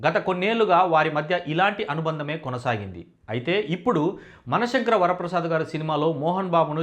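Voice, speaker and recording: Man reading film news, higher voice. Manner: steady formal reading. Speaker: entertainment news narrator. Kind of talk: scripted news voice-over.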